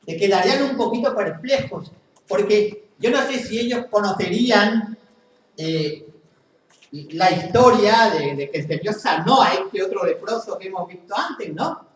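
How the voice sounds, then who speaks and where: A man with a Spain Spanish accent preaches a sermon in a church hall, his voice sitting a little high for a man. The recording is very echoey and picked up from a distance, with faint room noise behind him. He leans on repetition, saying key phrases twice over. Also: expressive, unhurried. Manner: repeats phrases for emphasis, earnest preaching. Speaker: pastor. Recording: very echoey hall, mic far off.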